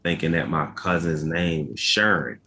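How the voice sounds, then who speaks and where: A man's voice: a bass voice, fairly even intonation, moderate pace, sharp tone, a little hiss or hum. A young man from Baltimore with a Baltimore accent, co-hosting a casual chat and talking in a laid-back, rambling way. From Baltimore, Maryland. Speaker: podcast co-host.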